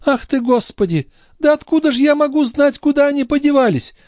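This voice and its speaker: A man doing a shrill old concierge woman. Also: brisk, darkish tone, no room sound, studio quality. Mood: shrill indignant. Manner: whiny, indignant, sugary.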